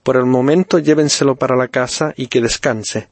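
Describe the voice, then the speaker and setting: A man playing a solemn, pompous doctor who lectures gravely with theatrical pauses. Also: mid-range voice, fairly even intonation, dry recording, natural voice. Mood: grave lecturing. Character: solemn middle-aged male doctor, pompous.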